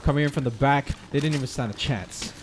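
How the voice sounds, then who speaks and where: Excitable male esports caster over gunfire. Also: mid-range voice, quick pace, noisy background. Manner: excitable play-by-play, rises sharply in big moments. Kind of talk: live game commentary. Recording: loud gunfire behind.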